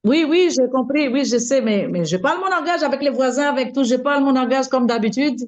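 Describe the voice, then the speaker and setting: A woman's voice: high-pitched, animated, a little fast. A woman chatting casually in a group, talkative and repeating her phrases. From Mauritius. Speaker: participant. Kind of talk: casual chat. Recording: dull lo-fi recording.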